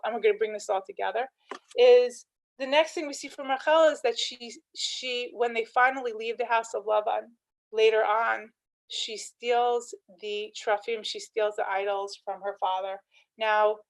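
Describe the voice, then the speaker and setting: Woman giving a torah lesson, kinda high voice, acts out the lines, asks lots of questions. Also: rough recording. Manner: animated storytelling with quoted dialogue and rhetorical questions. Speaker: Torah teacher. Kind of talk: expressive teaching on scripture.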